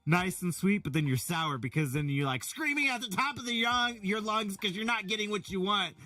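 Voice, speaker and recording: A middle-aged man chatting casually while reading out chat, rambling and animated with many restarts. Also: high voice, brisk, dry recording, distant mic. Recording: from the mic, faint music behind.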